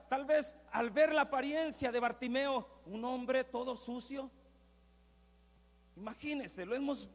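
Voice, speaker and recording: High-voiced, gravelly preacher. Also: male voice, big-room sound. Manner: dramatic, swinging from hushed to shouting. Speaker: pastor. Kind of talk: sermon.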